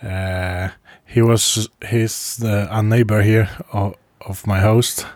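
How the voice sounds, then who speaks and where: A man speaking in a casual first-person travel diary, halting, with frequent pauses and restarts and soft chuckles between phrases. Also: on the low side, steady tone, no room sound. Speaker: traveler recording a video diary.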